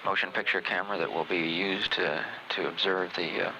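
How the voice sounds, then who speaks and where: A man giving factual, explanatory mission commentary over radio, measured and halting as he goes. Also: low-pitched, steady tone. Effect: radio relay. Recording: noisy archival space mission radio audio.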